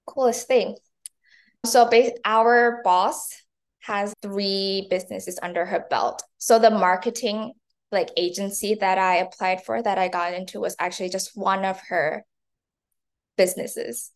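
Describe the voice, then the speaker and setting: The interview guest, a woman in her early 20s from Taiwan and China who studies at university and interns in marketing, chats casually and frequently says "like." Her voice is mid-range and steady, delivered at a measured pace.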